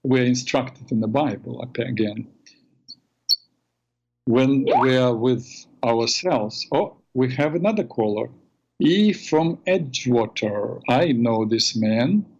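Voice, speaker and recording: A man with a mid-range voice hosts a call-in radio show, his smooth radio-host talk calm and measured. It's heard through a radio broadcast with a dull, lo-fi radio sound.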